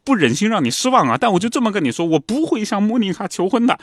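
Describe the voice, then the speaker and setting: A man's voice: high voice, very animated, fast, dry recording, studio quality, voice pushed up. A man voicing a young aristocratic officer who dodges his parents with hesitant, stammering talk. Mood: flustered. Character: young aristocratic officer son, evasive and polite.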